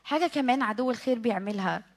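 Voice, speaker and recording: High-voiced Egyptian woman preaching. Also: rapid-fire. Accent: Egyptian Arabic. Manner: animated, acts out listeners' excuses, drops to a hushed whisper in prayer. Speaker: youth meeting preacher. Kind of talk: sermon.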